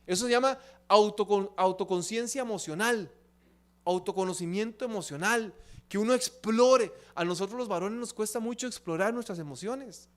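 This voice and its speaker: A man's voice: sits high, normal speed. A man from Latin America giving a church seminar talk, often asking the audience rhetorical questions. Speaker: seminar speaker. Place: church hall.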